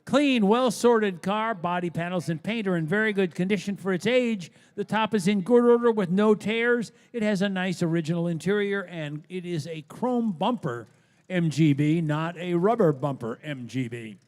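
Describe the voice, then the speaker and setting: A man's voice: sits high, moderate pace, long reverb tail. A man working as an auction announcer, describing lots and giving live commentary.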